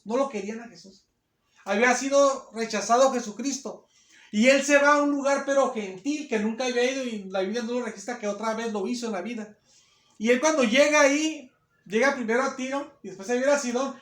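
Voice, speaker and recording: A man's voice: very high-pitched, fairly bright tone, echoey room. A man preaching a sermon to a congregation of women, fervent and repetitive, often calling them sisters. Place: church hall.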